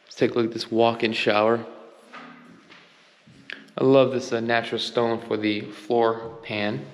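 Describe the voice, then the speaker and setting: An unhurried man with a medium-pitched voice and little pitch movement gives an upbeat, casual tour of a house for sale. As a real estate agent filming on a handheld camera, he points out details throughout. The empty, bare rooms produce long reverb.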